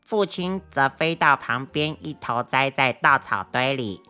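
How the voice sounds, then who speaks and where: A woman telling a children's story with a very low voice that still sounds bright and crisp. She reads gently and expressively, with soft music underneath. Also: lively intonation, a little slow.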